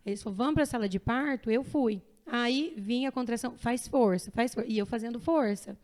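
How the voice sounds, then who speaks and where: A woman's voice: fairly high pitch, fairly quick, a little mellow. A woman guest on a podcast, telling her own childbirth story in an earnest, emotional way, full of fillers. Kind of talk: casual personal storytelling.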